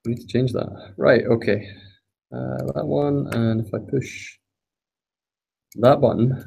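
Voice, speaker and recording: Slow and husky, this Scottish presenter speaks with a medium pitch, fairly even intonation, vocal fry, and a darkish tone. His technical talk at a meetup, streamed online as well, is halting, filled with fillers, and sprinkled with self-deprecating humor.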